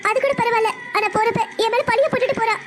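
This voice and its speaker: In this cartoon voice acting, a woman plays a heartbroken girl of seventeen who complains through tears. She speaks quickly at a very high pitch with a steady tone. Soft music plays in the background.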